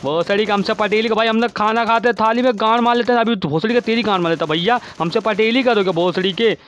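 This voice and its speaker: Foul-mouthed man yelling at teammates. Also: high voice, fast talker, highs cut off, a little hiss or hum. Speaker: gaming streamer. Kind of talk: profane gameplay commentary.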